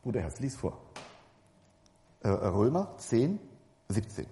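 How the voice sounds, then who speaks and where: A man's voice: on the low side, big pitch swings, takes it slowly, mellow. A man preaching a sermon in a conversational way, talking directly to the congregation and often restarting and correcting his words. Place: church hall. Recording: reverberant hall.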